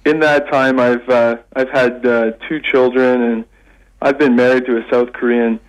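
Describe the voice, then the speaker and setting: A middle-aged Canadian man speaking over a radio phone line, his voice at an ordinary middle pitch. He talks in a halting, easygoing way, stopping and restarting as he gathers his thoughts. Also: flat delivery. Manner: halting, with many restarts and fillers. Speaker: radio guest, English lecturer.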